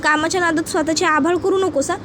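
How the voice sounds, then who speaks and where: A woman's voice: very high voice, fairly even intonation, quick pace, noisy background. A woman voicing a caring, chatty village elder sister who fusses in a rustic dialect. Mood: fond.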